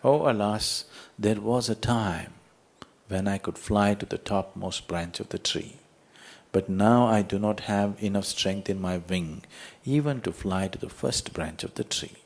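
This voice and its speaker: A man voicing a nostalgic, weakened male pheasant in a spoken fable, lamenting in a slow, lowered voice. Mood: wistful. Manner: wistful, lamenting.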